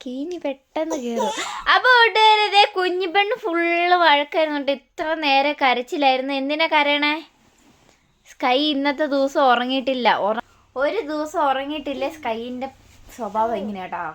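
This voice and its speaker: A woman's voice: high voice, normal speed, a bit bright. A young mother filming a family vlog, coaxing her toddler in sing-song baby talk.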